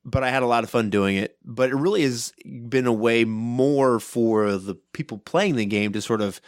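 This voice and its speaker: A man co-hosting a podcast about running tabletop games, talking loud and fast in casual chat and tagging many sentences with "right?". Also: medium pitch, dry recording, clean studio sound. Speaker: podcast co-host and game master.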